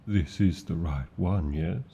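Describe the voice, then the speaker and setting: Voicing a doting male dragon for fantasy ASMR, a British man speaks formally and unhurriedly, lavishing tender, protective endearments. His voice sits low and dark, and a slight hiss or hum can be heard.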